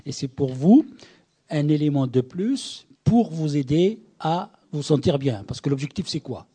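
A man's voice: fairly high pitch, mellow, breathy edge. A middle-aged man who runs an association, leading a group discussion and asking many questions in an encouraging way. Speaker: workshop facilitator, association director.

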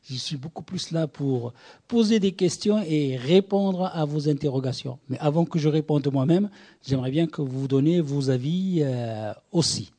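Husky, warm-toned man leading a group. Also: on the high side, normal speed. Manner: encouraging, asks many questions. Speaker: workshop facilitator, association director.

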